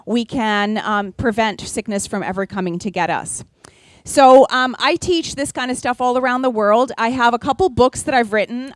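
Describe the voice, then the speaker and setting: A woman's voice: medium pitch, no room sound. A middle-aged woman from the Czech Republic giving a casual talk to a small audience, chatty, with many ums, and asking the listeners questions.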